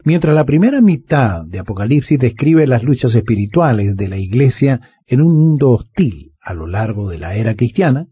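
A male pastor speaks on a religious radio program in a warm, pastoral manner, reading scripture aloud and explaining it. His voice is dark and a little husky. The sound is close and dry. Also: mid-range voice, no echo. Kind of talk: Bible study conversation.

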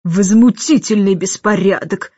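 A woman reading an audiobook, voicing a domineering older governess who barks orders loudly and slowly. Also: mid-range voice, slightly rough, dry recording, muffled recording. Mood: scolding. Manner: loud, slow and bossy, barking orders.

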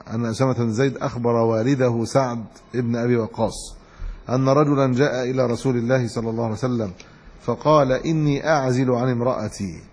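A sheikh teaching hadith reads out chains of narrators, then explains them in plain words, restarting now and then. His mid-range voice is a little mellow and slightly rough. The recording is dull and lo-fi, with long hall reverb.

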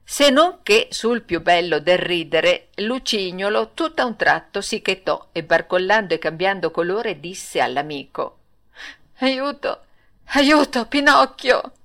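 A woman narrating a classic children's story for an audiobook, with expressive, dramatic storytelling. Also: fairly low pitch, a little slow, few pauses. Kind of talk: storybook reading.

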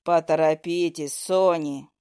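A woman's voice: low-pitched, fairly even intonation, slow, mellow, clear, resonant tone, dry recording, clean studio sound, pitched below the performer's own voice. A woman voicing a grumpy housekeeper who scolds everyone in a grumbling way.

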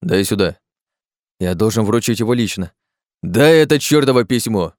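A man's voice: on the low side, animated, moderate pace, dry recording, close to an everyday voice. Man playing a hostile town guard, barking threats, tight dry recording. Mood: menacing. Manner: loud and threatening. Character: gruff male city guard sergeant, hostile.

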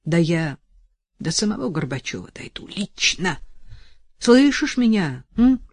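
A woman's voice: on the low side, sing-song, a little slow, dry recording, full character voice. A woman voicing a bitter young bride. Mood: vowing.

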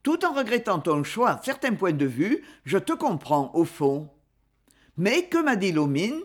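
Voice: mid-range voice, big pitch swings, measured pace. A narrator voicing a worldly aristocratic father who speaks in a casual, amused, offhand way.

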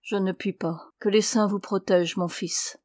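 A woman's voice: mid-range voice, steady tone, moderate pace, darkish tone, no room sound, clean studio sound, natural voice. Woman voicing a proud, bitter old mother. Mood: weary. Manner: cold, reproachful. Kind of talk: audiobook reading.

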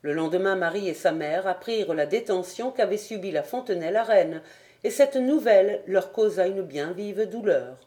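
Mellow woman reading a novel aloud. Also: medium pitch. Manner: steady, measured reading. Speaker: audiobook reader. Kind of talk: audiobook narration.

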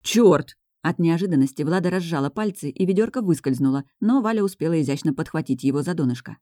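A woman narrating a story in an expressive, animated reading voice. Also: low-pitched, quick pace, dry recording, studio quality. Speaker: audiobook narrator. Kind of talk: scripted narration.

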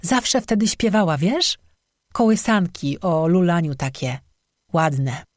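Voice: medium pitch, animated, slow, dry recording, studio quality. Narrator doing a bitter, weeping young strzyga woman. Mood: tearful. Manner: bitter, tearful confession with sobbing.

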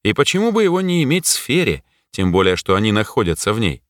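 A man reading a fantasy audiobook in steady, measured scripted narration. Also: fairly low pitch, no room sound, studio quality.

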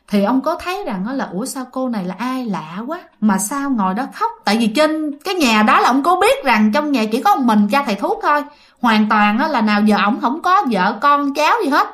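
A woman's voice: high-pitched, animated, normal speed, a bit bright. A woman telling a ghost story in a chatty, casual way, speaking to her listeners and repeating herself.

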